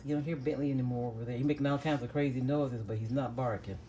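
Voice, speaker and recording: A woman's voice: extremely low pitch, fairly even intonation, fast, mellow, slight background noise. A middle-aged woman hosting a home cooking video, firmly telling her dogs to stop barking and then explaining each step plainly. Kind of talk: casual cooking demonstration. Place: home kitchen with dogs nearby.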